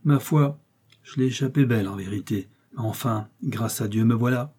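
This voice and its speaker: A man's voice: mid-range voice, normal speed, warm tone, breathy edge, close to an everyday voice. A man reading the part of a nobleman in hiding who speaks in a curt, imperious manner. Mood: commanding. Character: commanding male nobleman in hiding, grim.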